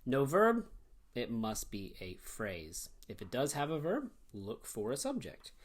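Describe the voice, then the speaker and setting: A man teaching an online English grammar lesson, explaining step by step in an animated way. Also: medium pitch, unhurried.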